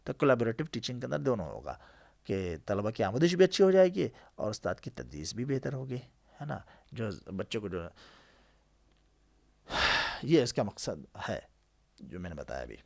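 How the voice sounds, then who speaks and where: A man from India teaching an exam-prep lesson, with a gravelly, fry-touched voice and a lively, swinging pitch. He works through each answer option and asks rhetorical questions. He drops English terms into his explanations. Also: long pauses.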